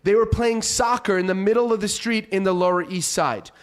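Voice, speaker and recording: High-pitched man, emphatic soccer pundit. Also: a little fast, clear, resonant tone. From Portugal. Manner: emphatic, animated storytelling. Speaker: panelist. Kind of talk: casual panel discussion.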